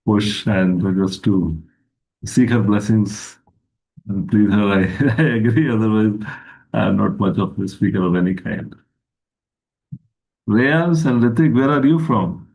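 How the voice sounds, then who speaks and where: A man giving a slow, reflective spiritual talk over a video call, lifting his pitch for emphasis. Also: gravelly, a little mellow, poor audio. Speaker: guest speaker.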